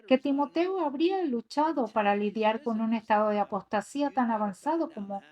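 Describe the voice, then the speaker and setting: A woman's voice: fairly high pitch, lively intonation, fairly quick, darkish tone, dull audio. A woman giving an earnest voice-over translation of a sermon, reading scripture passages aloud. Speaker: sermon interpreter.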